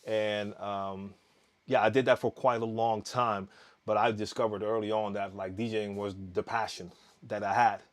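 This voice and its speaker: A relaxed Dutch DJ from the Netherlands, whose first language is Dutch, hosts a live Q&A stream. He reads viewer comments aloud in a chatty way, full of fillers and restarts, with a lowish voice at a moderate pace.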